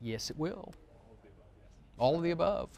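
In a relaxed seminar, a middle-aged man sits at a demo table in a studio room with a few others and walks them through a product, speaking plainly and dropping casual side remarks. His voice is a touch high, gravelly yet a little mellow, expressive and measured. He wears a close wireless mic.

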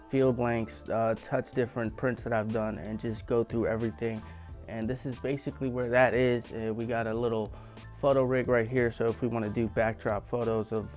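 A young man talks in a flat, even tone as he walks through his basement print shop on a clip-on mic. He explains the rooms in a relaxed, chatty way, and soft music plays quietly underneath. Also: mid-range voice. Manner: relaxed, explanatory, leans on fillers like "game changer". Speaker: small business owner giving a shop tour. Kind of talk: casual walkthrough vlog. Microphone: lapel mic.

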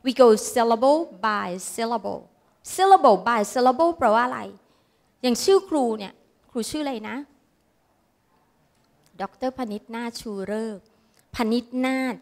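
A woman's voice: high-pitched, lively intonation, a little slow, long pauses. A woman teacher giving an exam tutoring lesson in a school classroom, spelling words out letter by letter and quizzing her students.

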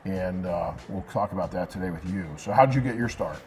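A man's voice: low-pitched, fairly quick, darkish tone. A middle-aged man, a guest in a casual interview, telling his own story candidly and emphatically on a lapel mic in a shop. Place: detailing supply shop, indoors.

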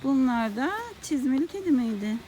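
Outdoors in a park, a woman with a high, animated voice chats casually with a child at a normal pace, explaining things and asking simple guiding questions. The on-location recording is very noisy with outdoor ambience.

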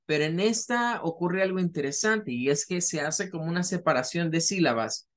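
A man teaching an English lesson, explaining patiently step by step and repeating words slowly to show their pronunciation. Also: fairly high pitch, lively intonation, a bit bright. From Latin America. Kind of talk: recorded online lesson.

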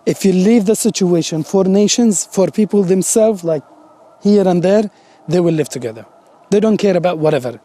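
A man in his forties with a Palestinian Arabic accent, a native Arabic speaker, talking earnestly in halting English on an open hilltop, gesturing as he goes, full of "like" and "you know". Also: sits high. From Palestinian territories. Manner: animated, gesturing, halting English with many fillers. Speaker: interviewee. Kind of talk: earnest outdoor interview. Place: hilltop outdoors above a city.

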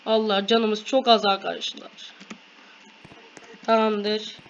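A woman hosting a gaming video, giving excited play-by-play to her viewers and shouting quick commands during fights. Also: mid-range voice, muffled recording. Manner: addresses viewers constantly. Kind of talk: excited gameplay commentary. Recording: loud background noise.

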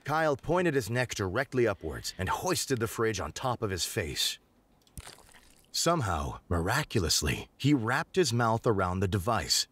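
Man reading a story with lively dramatic swings. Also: lowish voice, unhurried, slight background noise. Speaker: story reader. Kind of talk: reading a game's story aloud.

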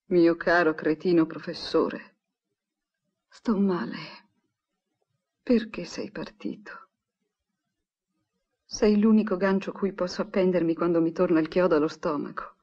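A woman's voice: lowish voice, steady tone, a little slow, pauses often, darkish tone. A woman playing a troubled young woman who pours out her longing for an absent professor in an intimate, anguished way. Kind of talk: 1960s Italian film dub. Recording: dull lo-fi film soundtrack.

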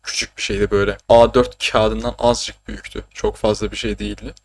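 A man's voice: on the low side, level tone, brisk, creaky. A young man from Turkey chatting casually while streaming a game, joking, swearing and often laughing. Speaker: gaming streamer. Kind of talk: casual gaming commentary.

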